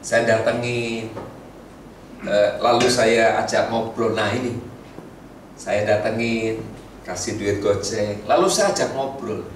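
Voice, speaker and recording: A middle-aged pastor from Tegal, telling stories in a chatty sermon and speaking to the congregation. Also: male voice, on the low side, takes it slowly, long pauses, far from the mic, slight background noise. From Tegal, Central Java. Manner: storytelling, lively, chatty asides to the congregation. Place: church hall. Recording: echoey hall, mic from afar.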